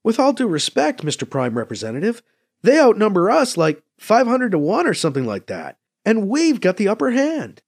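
Chang: a man doing an eager, high young officer. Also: vocal fry, full character voice. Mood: protesting. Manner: excitable, quick to argue.

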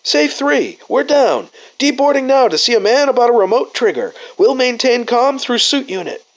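A man's voice: very high voice, expressive, normal speed, dull audio, pitched above the performer's own voice. A man voicing a brave male pilot on a doomed mission, making clipped, urgent calls over a comm radio.

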